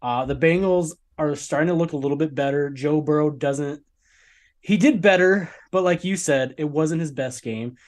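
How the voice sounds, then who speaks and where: A man's voice: a little high, moderate pace. Laid-back man with dry humor. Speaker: podcast co-host. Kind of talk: casual sports prediction chat.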